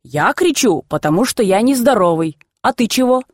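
A woman voicing a gruff, excitable old grandfather in a storybook reading. He shouts, teases and banters in rough folk speech. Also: on the high side, normal speed, no echo, clean studio sound. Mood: chatty.

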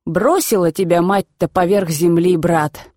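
A woman doing a gruff, excitable old grandfather. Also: medium pitch, measured pace, no room sound, clean studio sound. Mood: gloomy. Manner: shouting, bantering, rough folksy speech.

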